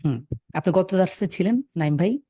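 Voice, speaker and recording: A man teaching Quran reading over a video call, patiently but firmly correcting students and spelling letters slowly. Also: high-pitched, expressive, mellow, husky, no echo, studio quality. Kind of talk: online class, correcting students.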